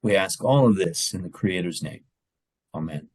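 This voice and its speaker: A man's voice: sits low, lively intonation, normal speed, a little mellow, no echo, low-quality recording. A man, a pastoral relations minister, reading a poem aloud and leading a short prayer on a video call, hesitant with many ums between phrases.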